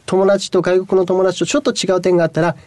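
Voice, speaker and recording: A young man speaking as a radio interview guest, earnest and measured with many pauses. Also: high-pitched, flat delivery, a little mellow, dry recording. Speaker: guest, school staff.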